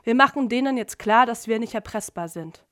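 A woman reading aloud, voicing a pushy, fanatical young man who gives orders forcefully. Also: a little high, a little fast, dry recording, studio quality, close to an everyday voice.

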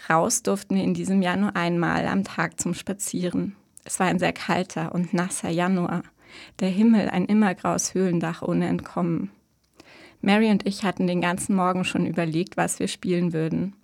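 A woman reading a story as a calm, measured audiobook narrator. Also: lowish voice, vocal fry. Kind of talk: scripted narration.

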